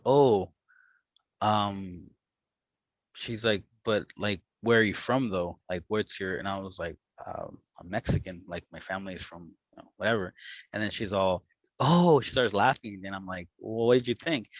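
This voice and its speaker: A man's voice: lowish voice, moderate pace, no room sound, low-quality recording. A man from Los Angeles co-hosting a podcast, telling a story in a rambling way with many fillers. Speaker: podcast co-host. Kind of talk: casual podcast chat.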